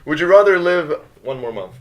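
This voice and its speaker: A man's voice: a little high, animated, brisk, poor audio. A man co-hosting a casual podcast chat, teasing his partner and posing hypothetical questions. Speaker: podcast co-host.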